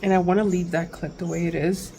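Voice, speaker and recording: Mellow, low-voiced woman vlogging candidly. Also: steady tone, vocal fry, a little hiss or hum. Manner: halting, self-interrupting, candid. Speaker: vlogger recording herself. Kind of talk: casual confessional vlog talk.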